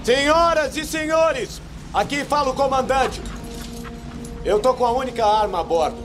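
An actor dubbing a menacing male villain who takes over a plane, speaking as captain over the cabin loudspeaker in a slow, mocking tone. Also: extremely high pitch, over music.

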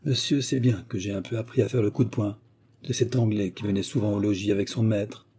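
A talkative, excitable valet spins out his story in endless detail, as a man reads him aloud. The voice is dark and husky, the delivery rambling and eager, straight from a storybook reading. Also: fairly low pitch, fairly quick. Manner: long-winded, excitable storytelling. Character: chatty rambling male servant, a bruised valet. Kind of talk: audiobook character reading.

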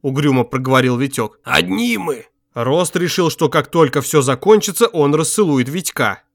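A man's voice: a little high, normal speed, no echo, clean studio sound. A man reading a gritty story aloud as an audiobook narrator, putting on a voice for each character.

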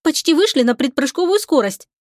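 Woman voicing eager high-voiced starship pilot girl. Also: very animated, no room sound, studio quality. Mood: anxious. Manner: eager, brisk, reports to the captain.

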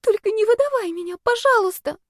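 A woman voicing a timid, lovesick young student girl who squeaks and pleads through tears. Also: animated, brisk, no echo, clean studio sound. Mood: pleading.

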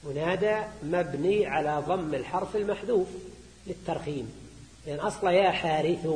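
A man teaching grammar as a sheikh, reading a text and then explaining it, repeating phrases and quizzing students with quick questions. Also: high-pitched. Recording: reverberant lecture hall.

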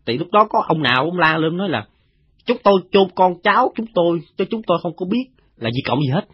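A gossiping, boastful soldier played by a man spins his tale in a Southern Vietnamese accent, his husky voice rising and falling in lively swings. He talks roughly and chattily, with his loudness jumping up and down. The audio drama is recorded dry and sounds dull and lo-fi. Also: high voice, a little fast. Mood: boastful recounting. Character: gossiping rank-and-file male soldier, coarse and boastful.

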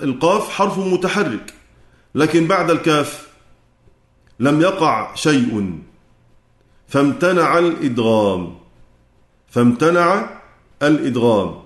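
A man with an Egyptian Arabic accent teaches a recitation class in a fairly high voice. He explains each rule step by step and stretches out the verse lines as he chants them. His voice rings with the echo of a roomy hall. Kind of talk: lecture explaining a classical poem.

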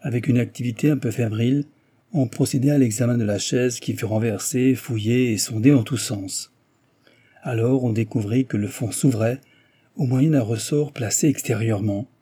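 A man narrating a novel as an audiobook reader, with steady, even storytelling. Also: medium pitch, normal speed, husky.

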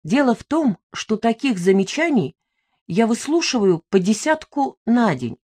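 A woman's voice: fairly high pitch, big pitch swings, unhurried, a little mellow, pitched above the performer's own voice. Woman playing a sarcastic defiant young woman. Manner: snappish, sarcastic. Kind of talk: audiobook dialogue reading.

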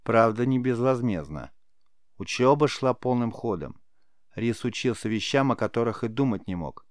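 A man narrating a fantasy audiobook in a measured, scripted way. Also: medium pitch, animated, no echo, studio quality.

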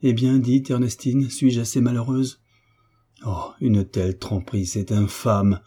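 A man's voice: mid-range voice, fairly even intonation, unhurried, mellow, breathy edge. A man voicing a proud, grieving young orphan woman in an audiobook, pleading through tears. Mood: indignant. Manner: sorrowful, tearful pleading. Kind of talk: audiobook reading.

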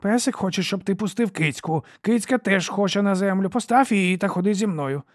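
A man voicing a brisk male doctor, coaxing and wry, spelling things out simply. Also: high voice, no room sound, clean studio sound, pitched above the performer's own voice.

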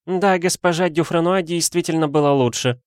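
A man performs an audiobook character voice, playing a haughty, sharp-tongued young married lady with a scornful, imperious manner. His voice is pushed up to the high side but stays close to an everyday voice, at a moderate pace. The clean studio recording has no room sound.

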